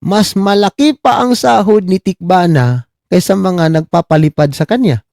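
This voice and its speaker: A middle-aged man from the Philippines doing casual live-stream commentary, his voice high-pitched but dark and mellow in tone. He mocks his subjects, keeps asking "di ba?" and gives shout-outs to viewers. The sound is dry and close, with no room echo. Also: normal speed, creaky. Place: abroad, talking on a live stream.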